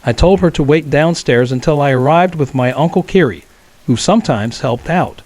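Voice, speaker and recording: Calm man narrating a horror story. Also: a little high, normal speed, dry recording.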